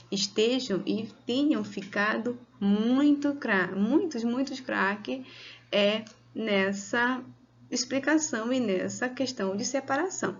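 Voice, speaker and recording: Medium-pitched, with the highs cut off in the audio, a Brazilian Portuguese-accented teacher leads a video lesson for children. She speaks at a slow, patient pace, stretching out words as she goes.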